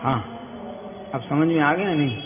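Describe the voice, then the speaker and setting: High-voiced man teaching scripture, tinny hall. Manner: keeps asking listeners quick questions; explains by everyday examples. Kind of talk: scripture discourse to listeners. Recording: tinny, echoey hall with faint hiss.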